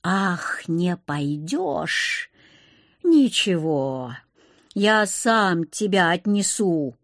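A woman reading an audiobook, voicing a furious, gruff young male commander who scolds and shouts. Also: mid-range voice, expressive, a little slow, no echo, studio quality. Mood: growling.

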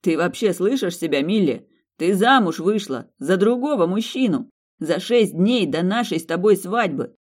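A man's voice: high-pitched, lively intonation, normal speed, voice pushed up. A narrator voicing a young man, a hurt fiancé who teases with bitter irony but forgives. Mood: wounded, indignant. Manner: mocking, wryly ironic.

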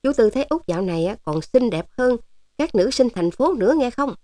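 A woman's voice: a little high, expressive, brisk, mellow, dry recording, pitched above the performer's own voice, close to an everyday voice. A woman voicing a jovial, teasing older male resistance officer in a storybook. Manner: teasing, fatherly, joking.

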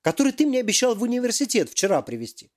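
A man's voice: very high voice, sing-song, rapid-fire, a little mellow, pitched above the performer's own voice. A man voicing an irritated middle-aged male professor who talks bluntly and scolds. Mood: scolding.

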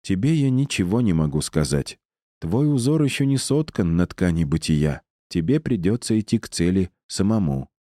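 A man reading an audiobook voices a calm, solemn and kind female river spirit. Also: fairly low pitch, normal speed, no room sound, studio quality, lightly acted. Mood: sad.

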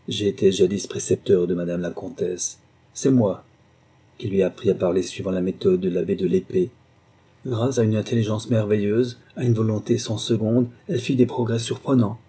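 A man voicing a loyal middle-aged male valet who speaks in an earnest, measured way. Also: fairly low pitch, dark tone, breathy edge.

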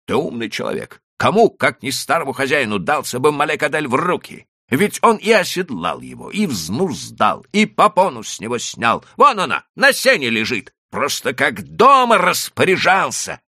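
A man voicing a desperate, hot-tempered male landowner who pleads and exclaims loudly in an audiobook. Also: on the high side, no echo, studio quality, voice pushed up, heavily acted. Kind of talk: audiobook character voice.

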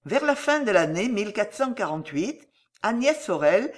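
A narrator reads a historical tale aloud in a dramatic, expressive manner. The pitch swings widely while it stays at a middle height. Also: normal speed. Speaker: audiobook narrator.

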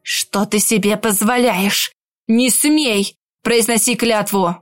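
A woman voicing a spiteful, arrogant young nobleman in an audiobook, speaking slowly and coldly with commanding force. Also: medium pitch, steady tone, soft background music, lightly acted. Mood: angry, commanding. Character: young male emperor's heir, arrogant, spiteful groom.

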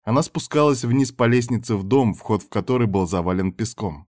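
A man narrating an audiobook chapter in a measured, even reading voice. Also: fairly low pitch, dry recording, clean studio sound.

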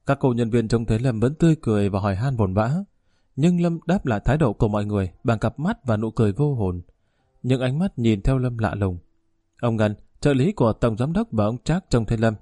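A man narrating an audiobook in a steady, even way. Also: medium pitch, fairly quick, no echo, studio quality.

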